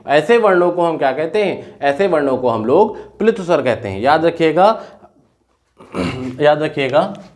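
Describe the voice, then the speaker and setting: A man teaching a class, asking questions and then answering them himself, and repeating points slowly so students can write them down. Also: fairly high pitch, darkish tone. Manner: repetitive, dictating notes slowly word by word. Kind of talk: classroom lecture.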